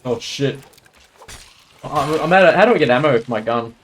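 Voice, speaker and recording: A man's voice: mid-range voice, lively intonation, brisk, slight background noise. Man chatting casually while gaming. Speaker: game streamer.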